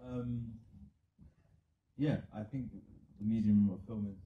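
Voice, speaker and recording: A man on a film panel answering earnestly in a halting way, full of fillers. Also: lowish voice, steady tone, slight background noise. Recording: echoey, tinny sound.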